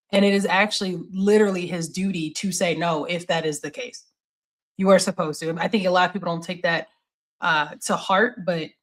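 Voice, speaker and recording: A woman co-hosting a casual podcast panel, chatting in an animated way with frequent laughs and joking asides. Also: on the low side. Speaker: podcast co-host.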